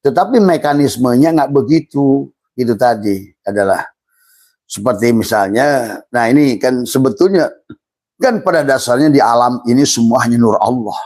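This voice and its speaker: A middle-aged man giving an informal religious lecture, speaking in a slow, halting way with many fillers and repeated words, calling his listeners friends and referring to himself in the third person. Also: medium pitch, a little mellow, no room sound. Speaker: Islamic mysticism teacher.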